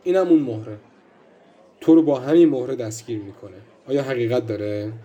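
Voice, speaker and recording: A man voices a stern, exasperated judge in a radio drama. He questions the accused sharply and scolds him. His voice is warm and mellow. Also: medium pitch, lightly acted. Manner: scolding, interrogating.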